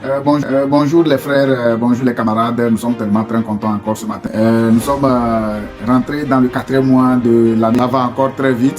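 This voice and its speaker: Speaking in a mid-range voice with a Togolese French accent, a man from Togo gives a casual motivational talk to his community as an entrepreneur. He starts hesitantly, full of fillers and restarts, then presses on with earnest rhetorical questions.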